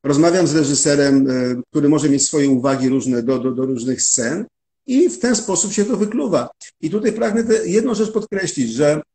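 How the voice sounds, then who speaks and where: A man with a somewhat high voice gives long interview answers. He explains his working process step by step, in a careful and methodical way. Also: expressive, moderate pace, dark tone. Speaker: interview guest, musical translator.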